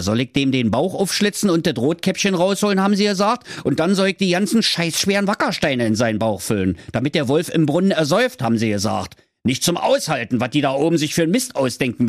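A man's voice: on the high side, no room sound, clean studio sound, pitched above the performer's own voice, natural voice. A man doing a griping, cursing huntsman. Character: grumbling overworked male huntsman.

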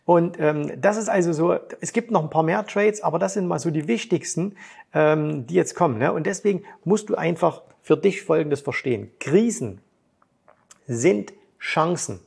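Guy doing a trading podcast, kinda raspy voice, chatty and fired up, keeps saying "ne". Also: fairly high pitch, lively intonation, normal speed, darkish tone. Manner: chatty, tags sentences with "ne?"; enthusiastic, with sound effects like "bumm" and "brrrt". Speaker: trading coach and podcast host. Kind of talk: casual podcast monologue.

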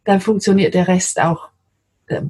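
A woman from London speaks German with an English accent, pausing often and laughing lightly as she talks about her work. Her voice is husky and breathy. She sounds like a guest in her forties in a relaxed interview. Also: on the low side. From London, England. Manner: warm, giggly, hesitant with many fillers. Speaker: guest, translator. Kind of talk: casual interview chat.

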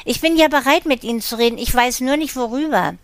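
A woman's voice: high-pitched, fast talker, dry recording, voice pushed up. A woman voicing a whiny, cornered older male art dealer in an audiobook reading, pleading and spiteful.

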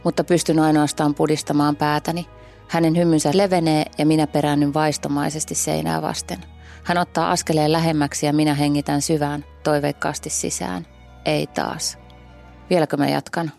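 A woman's voice: low-pitched, level tone, vocal fry, darkish tone, soft background music. A woman guest on a podcast, talking in a thoughtful way and searching for words as she reads aloud and reflects. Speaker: guest journalist. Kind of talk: casual podcast chat and reading aloud.

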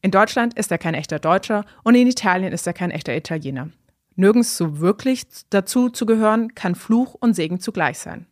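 A woman hosting a podcast, reading scripted narration in a calm, even way. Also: medium pitch, a little fast, no room sound, clean studio sound. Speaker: podcast host.

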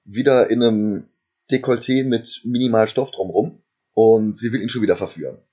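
A man's voice: on the low side, normal speed, dark tone, husky, highs cut off. A man co-hosting a casual film podcast, retelling the plot at length with dry asides. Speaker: podcast co-host recapping a film. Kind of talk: casual chat.

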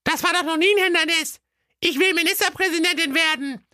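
A man's voice: brisk, bright, forceful tone, no echo, clean studio sound, heavily acted. A man voicing a greedy, lazy, demanding wife who scolds her husband in a comic audio fairy tale. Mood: bossy. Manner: shrill, bossy, scolding.

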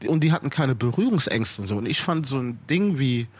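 A man's voice: mid-range voice, animated, brisk, breathy edge. A middle-aged man from the Stuttgart area, a rapper guest in a casual podcast talk, loose and chatty, tagging his sentences with "you know". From Stuttgart area, Germany.

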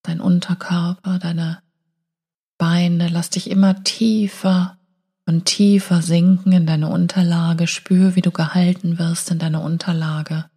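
A woman guiding a hypnotic meditation in a slow, soothing hypnotist voice, breathy and often falling near a whisper, with long pauses. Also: lowish voice, mellow. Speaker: meditation guide and show host.

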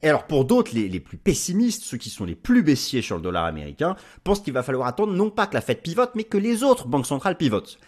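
Lively husky-voiced man explaining markets. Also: fairly high pitch, fast talker, few pauses. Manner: lively, emphatic, many restarts and asides. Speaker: market analyst presenting forex video. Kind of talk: market commentary over charts.

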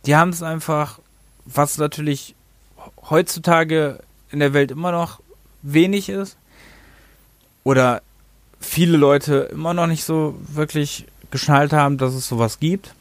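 A man's voice: fairly high pitch, fairly even intonation, measured pace, no echo. A man hosting a casual game review podcast, rambling and often tripping over his words and correcting himself. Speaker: podcast host.

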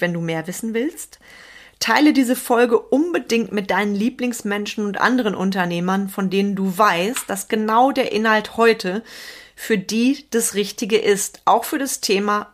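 A woman hosting her own motivational podcast for business owners, speaking earnestly and repeating key words for emphasis. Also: mid-range voice. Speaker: podcast host and business coach.

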